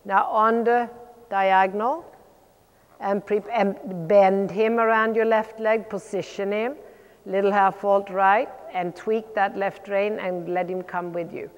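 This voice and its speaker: A woman coaching a riding lesson, calling out brisk, projected commands mixed with encouragement and blunt corrections. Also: medium pitch, fairly even intonation, muffled recording. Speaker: riding instructor, clinician. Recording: long echoing reverb of a large hall.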